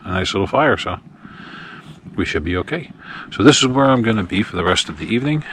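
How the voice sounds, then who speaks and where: A man talking casually to his viewers outdoors at a campsite by the campfire, relaxed and friendly as he addresses them directly. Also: low voice, slight background noise. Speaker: camping vlogger. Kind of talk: casual vlog talk to camera.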